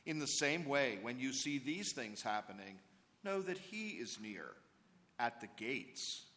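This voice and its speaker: A man of middle pitch preaches at a leisurely, deliberate pace, every phrase trailing into a long cathedral echo. He reads and explains scripture as a priest in a large church. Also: very animated, pushed and bright. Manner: slow, measured liturgical delivery. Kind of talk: Gospel reading and homily at Mass.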